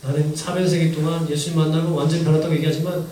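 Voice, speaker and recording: A man's voice: on the high side, little pitch movement, very fast, dark tone. A man giving a church testimony as a missionary, telling his story with strong emotion that rises and falls. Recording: echoey church hall from far off, faint noise.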